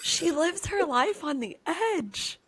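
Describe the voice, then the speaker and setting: A woman co-hosting a podcast in casual chat, hoarse and losing her voice, chatty and teasing. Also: extremely high pitch, animated, slow pace, a bit bright, no room sound. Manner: chatty, teasing, laughs often. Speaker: podcast co-host.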